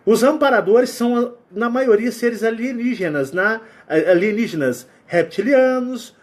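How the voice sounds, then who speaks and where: A man with a Brazilian Portuguese accent giving a casual spiritual talk, sweating and animated as he acts out sounds and quotes. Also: extremely high pitch, measured pace. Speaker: spiritual channel host.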